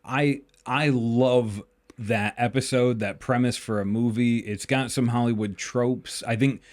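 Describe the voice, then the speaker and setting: A man's voice: mid-range voice, steady tone, a little slow. A man with a mid-range voice co-hosting a podcast. He talks in an easygoing, upbeat way. His chat is loose and friendly. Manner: easygoing, upbeat plugs and chatter. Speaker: podcast co-host. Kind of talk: casual chat.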